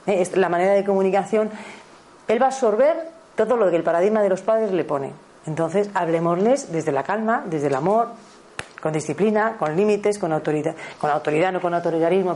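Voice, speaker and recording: Fast-talking woman from Spain. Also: on the low side, warm tone. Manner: fast, self-correcting, checks in with the audience. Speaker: school teacher giving a talk. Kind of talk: spiritual parenting talk.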